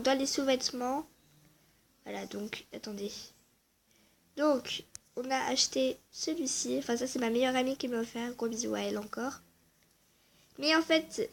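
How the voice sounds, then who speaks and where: A high-pitched woman chats casually through a game walkthrough, hesitating often and muttering quiet asides to herself. A faint hiss sits under her voice. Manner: chatty, hesitant, lots of "euh" and "voilà", mutters asides under her breath. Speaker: game vlogger.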